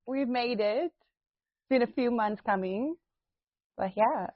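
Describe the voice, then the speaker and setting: A South African woman in her 30s co-hosts a podcast with a slightly high voice, chatting casually, laughing often and tossing in quick asides. The sound is muffled and lo-fi, recorded in a dead, dry room with no room sound.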